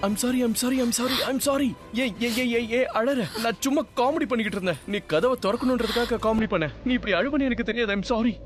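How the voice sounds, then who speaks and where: A man's voice: extremely high pitch, moderate pace, hardly any pauses, over music. An actor playing a playful young husband in a TV drama, coaxing and teasing his wife with affection. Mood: apologetic. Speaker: romantic male lead in a TV serial. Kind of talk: television soap drama.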